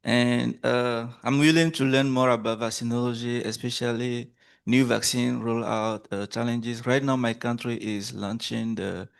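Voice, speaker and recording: A man's voice: medium pitch, steady tone, a little slow, gravelly, clean tone. A man with a Togolese accent gives a spoken self-introduction to a group. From Togo. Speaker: course participant, doctor.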